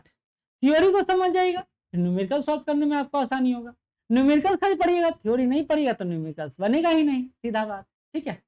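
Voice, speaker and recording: A man's voice: very high voice, dull audio. A man teaching an exam-prep lecture, repeating key points and checking understanding with rhetorical questions. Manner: gets louder and softer to demonstrate sound.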